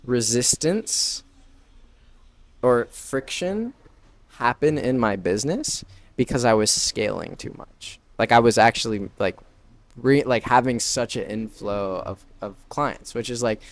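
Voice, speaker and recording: A man's voice: medium pitch, expressive, unhurried, no room sound. Young man talking casually, full of fillers. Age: 20s. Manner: filler-heavy, frequent "like" and "right?" tags. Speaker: podcast guest, branding business owner. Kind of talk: casual conversational interview.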